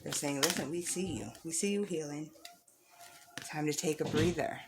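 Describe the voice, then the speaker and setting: Heavy background noise surrounds a woman's deep voice speaking at normal speed. As a tarot reader addressing the viewer, she gives a casual spiritual reading, encouraging and reassuring, with phrases repeated for emphasis.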